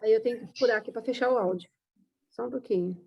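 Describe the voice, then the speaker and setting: A woman's voice: a little high, fast, creaky, husky, muffled recording. A woman, a teacher and educational psychologist, chatting casually to an online class and often checking in with her listeners. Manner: chatty, addresses audience as "gente", frequent "né?" and "sabe?".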